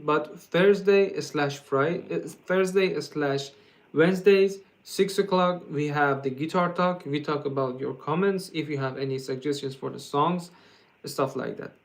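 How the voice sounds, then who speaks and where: Hosting a guitar livestream, an Iranian guitar teacher with a Persian accent and a slightly high voice chats casually with viewers. His speech is halting, with frequent stumbles, restarts and fillers, and he laughs easily while joking.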